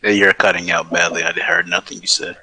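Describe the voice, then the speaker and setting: Guy doing a sly tavern stranger, deep husky voice, rattling quick, buzzy glitchy call audio. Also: level tone, pushed and bright. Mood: coy, evasive.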